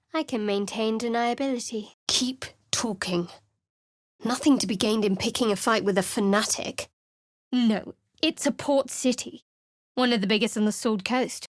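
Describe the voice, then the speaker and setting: Recorded on a close studio mic, this actress plays a young woman cleric in a video game, guarded and sardonic, speaking her lines with dry wryness. Her voice is a little high and natural-sounding, and the recording is dry.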